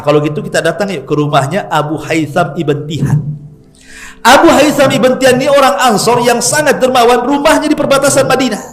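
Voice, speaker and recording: A middle-aged male preacher tells stories in a bright, high voice. He keeps his sermon chatty and playful, teasing his listeners as he goes. Soft music sits faintly underneath. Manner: lively, chatty, jokes with the audience. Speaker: Islamic preacher. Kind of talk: storytelling sermon.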